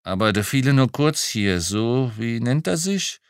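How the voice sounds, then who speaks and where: A man's voice: medium pitch, sing-song, a little slow, clear, resonant tone, no echo, studio quality, pitched above the performer's own voice. A man voicing a fat, grumpy office boss who talks in a grumbling, offhand way.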